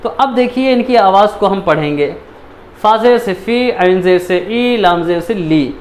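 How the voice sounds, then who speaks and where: A man teaching Quran letter reading, patiently repeating syllables slowly and checking in often. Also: sits high, animated, slight background noise. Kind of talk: step-by-step recitation lesson.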